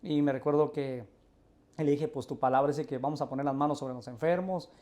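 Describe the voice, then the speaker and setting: A man's voice: a little high, fairly even intonation, brisk, darkish tone. A male pastor, telling his testimony earnestly and acting out the voices in his story. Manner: earnest storyteller, acts out quoted dialogue.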